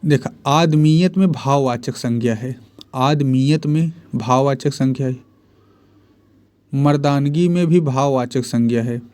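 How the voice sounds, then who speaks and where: A man's voice: medium pitch, a little slow, a little mellow. A man teaching Hindi spelling and grammar for exams, repeating each word and answering his own questions. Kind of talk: exam-prep lesson.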